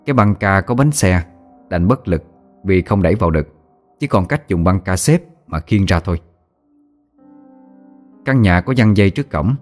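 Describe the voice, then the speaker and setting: Deep-voiced male storyteller. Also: animated, moderate pace, pauses often, darkish tone, faint music behind. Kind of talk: scripted story narration.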